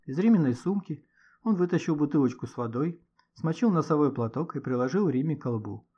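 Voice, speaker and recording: A man with a husky voice, reading a story aloud in a lively, expressive way. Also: a little high, brisk. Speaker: audiobook narrator. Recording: dull lo-fi recording.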